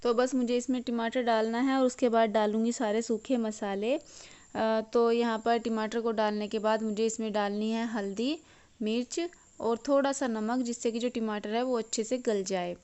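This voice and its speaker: A woman's voice: fairly high pitch, steady tone, moderate pace, darkish tone, clean tone. A woman narrating a cooking voice-over and explaining each step plainly. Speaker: cooking vlogger.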